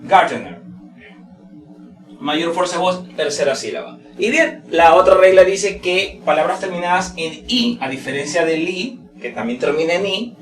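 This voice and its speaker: A man giving a pronunciation lesson in a casual teaching manner, repeating example words slowly to show stress. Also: high-pitched, reverberant, recorded from a distance, rough recording. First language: Spanish. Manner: slow, drawn-out model words repeated for stress. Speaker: English teacher.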